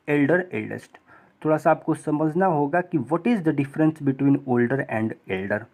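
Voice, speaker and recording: Slow, deliberate male teacher. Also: medium pitch, a little mellow. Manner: mixes English and Hindi, spells out letters, quizzes the class. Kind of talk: classroom grammar lesson.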